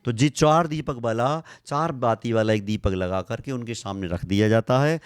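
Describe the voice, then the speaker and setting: A man's voice: mid-range voice, moderate pace, clean tone, no room sound. Dry-voiced man teaching scripture. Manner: repeats lists, quizzes listeners, leads group recitation. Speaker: Jain monk teaching scripture. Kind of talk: classroom scripture lesson.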